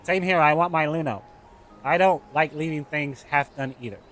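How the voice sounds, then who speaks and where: A man's voice: fairly high pitch, moderate pace, fairly bright tone, soft background music. Man reading game lines aloud, picking at grammar. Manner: reads lines aloud, stops to pick apart the grammar. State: eating while talking. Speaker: streamer reading a game's dialogue. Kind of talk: live-stream game reading and commentary.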